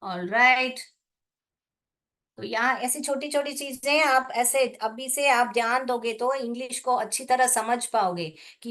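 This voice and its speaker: Slow-talking Indian woman teacher. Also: fairly high pitch, fairly bright tone. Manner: slow, spells out English words, explains in Hindi; addresses students as beta. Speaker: English teacher. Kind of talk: online class lesson.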